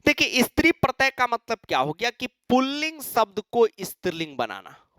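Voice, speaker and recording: A man's voice: extremely high pitch, big pitch swings, normal speed, bright, forceful tone, no room sound, studio quality. A man teaching an exam-prep lecture, asking and answering his own questions and mimicking students.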